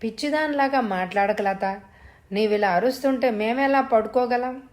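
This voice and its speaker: A woman's voice: fairly high pitch, moderate pace, natural voice. A woman voicing an anxious young husband who pleads with urgent questions. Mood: worried. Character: anxious young husband, gentle, easily alarmed.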